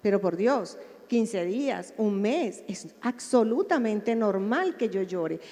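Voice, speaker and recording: A woman's voice: mid-range voice, lively intonation, slow, mellow, big-room sound. A woman psychologist giving a public lecture on grief, speaking expressively and checking in with her audience through rhetorical questions.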